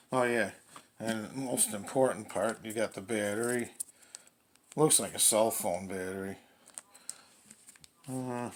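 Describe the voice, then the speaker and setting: A man with a lowish voice does casual, unscripted unboxing commentary as a gadget reviewer, halting and thinking out loud as he goes.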